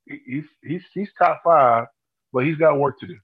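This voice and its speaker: A man makes emphatic, profane points in a sports chat. His voice is husky and dry, and the lo-fi recording dulls the sound. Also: on the high side, normal speed, dry recording.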